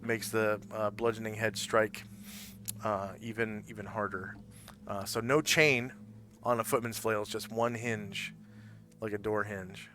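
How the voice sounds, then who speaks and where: A man improvising narration as a tabletop game master, explaining things haltingly as he thinks aloud. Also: medium pitch, pushed and bright.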